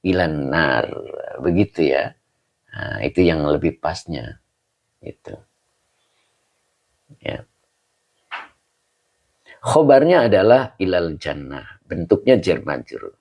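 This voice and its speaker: Slow, gravelly low-voiced man teaching. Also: darkish tone. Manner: explains step by step, corrects his own slips. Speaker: Quran teacher. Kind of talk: Quran study class on Arabic grammar.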